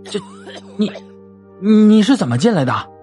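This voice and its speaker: A man voicing a cornered male doctor with a husky voice, bitter and desperate in an audio drama. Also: medium pitch, sing-song, unhurried, soft background music. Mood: startled. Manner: rising into desperate shouts.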